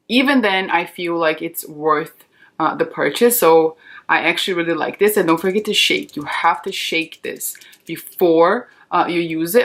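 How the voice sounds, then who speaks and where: In a casual makeup tutorial, a Brazilian woman in her thirties speaks Portuguese with the candid, reassuring informality of a beauty vlogger. Her voice is on the low side and a bit bright.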